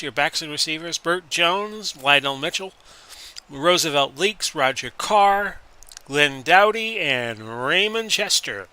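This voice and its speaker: Male streamer doing play-by-play calls: a very bright, forceful, slightly high voice that jumps into excited bursts. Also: smooth. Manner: announcer-style calls that rise into excited outbursts. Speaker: streamer and host. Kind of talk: play-by-play commentary over a sports simulation game.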